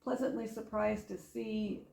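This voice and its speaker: A woman's voice: mid-range voice, little pitch movement, unhurried, gravelly, warm tone. A woman hosting a casual podcast, chatty, often stumbling and repeating words as she talks. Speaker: podcast host. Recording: echoey room, mic at a distance.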